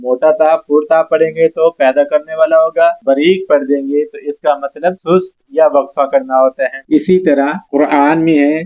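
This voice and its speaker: A man with a fairly high voice teaching Quran pronunciation, repeating each syllable slowly and deliberately. The recording is muffled and lo-fi. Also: fairly even intonation, faint music behind. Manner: slow, repetitive, drawn-out syllables for students to copy. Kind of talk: tajweed lesson, drilling letter sounds. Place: mosque classroom. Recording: dull lo-fi recording.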